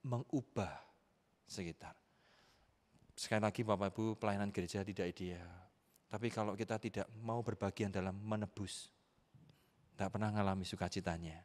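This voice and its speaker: A middle-aged pastor delivers a sermon in a voice that sits on the low side. He tells his story animatedly and acts out voices with sudden leaps in pitch. The sound carries the long reverb of a church hall. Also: steady tone, normal speed, pauses often, a little mellow. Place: church sanctuary.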